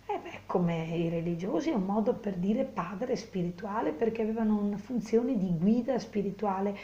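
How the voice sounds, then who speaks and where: A woman reading a classic novel aloud and pausing to explain it in conversational asides. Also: medium pitch, expressive, dark tone, muffled recording. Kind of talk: storytelling with commentary.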